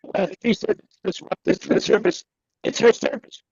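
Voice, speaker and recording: A man's voice: high-pitched, normal speed, gravelly, slightly rough, dry recording. A man in a casual meeting discussion, heard over a video call whose audio keeps breaking up. He makes blunt, practical remarks. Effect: choppy, breaking-up call audio. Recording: dull lo-fi remote call line.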